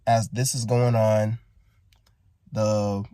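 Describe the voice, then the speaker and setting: A man's voice: fairly low pitch, little pitch movement, drawn-out words, warm tone, smooth, no room sound. A man with a groggy morning voice telling a long story in a casual, rambling vlog, full of restarts and asides. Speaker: vlogger.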